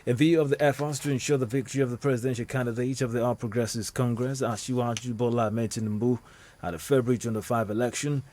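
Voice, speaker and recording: A man with a Nigerian accent reading the radio news as anchor, formal and measured. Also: mid-range voice, fairly even intonation, a little mellow, a little hiss or hum.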